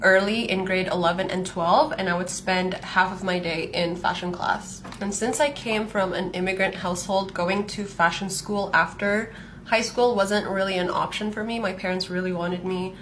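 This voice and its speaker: A chatty young woman in her mid-twenties tells her life story while doing her makeup at home, her voice sitting at a middle pitch. She talks casually with lots of fillers, and a faint hiss sits under the recording. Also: fairly even intonation, normal speed, fairly bright tone. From Palestinian, born in Saudi Arabia, raised in Canada. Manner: chatty, frequent "like" fillers, light laughs. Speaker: fashion content creator. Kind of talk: casual get-ready-with-me storytelling.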